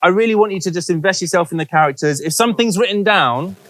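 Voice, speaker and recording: A man's voice: high-pitched, quick pace, fairly bright tone. A man hosting a live comedy panel show, playful and self-mocking in his banter.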